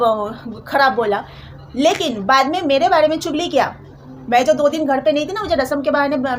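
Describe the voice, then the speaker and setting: A woman's voice: sits high, slight background noise. A young woman vlogger telling a personal story with feeling, acting out the quoted lines of her family.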